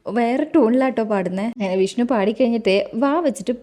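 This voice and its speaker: A woman's voice: on the high side, a little fast, dark tone. A woman casually retelling a serial episode, chatting to her listeners as she goes. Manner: chatty, addresses listeners directly. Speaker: storyteller recapping a serial. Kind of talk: casual story recap.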